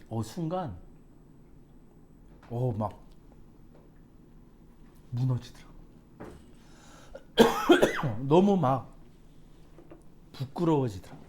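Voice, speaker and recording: A man's voice: mid-range voice, drawn-out words, pauses often, a little hiss or hum. A male pastor preaching a sermon, telling a personal story with questions to the congregation. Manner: lively storytelling with asides to the congregation. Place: church sanctuary.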